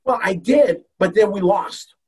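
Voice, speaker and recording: Older guy coach telling stories, kinda husky voice, a bit higher, sounds a little far from the mic. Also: unhurried. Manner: emotional, animated storytelling with many restarts. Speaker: baseball coach. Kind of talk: storytelling in a talk show.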